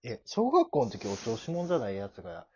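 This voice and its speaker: A young man with a Kansai Japanese accent hosting a casual comedic chat, animated and prone to loud high-pitched shouted bits. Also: a little fast, husky, dull audio. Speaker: podcast host.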